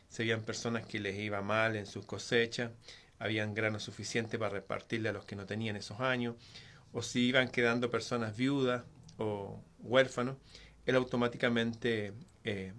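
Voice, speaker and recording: A man's voice: medium pitch, steady tone, moderate pace, a bit bright. Man telling a folk tale casually. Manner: digressive, conversational asides. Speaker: storyteller. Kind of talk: casual oral storytelling.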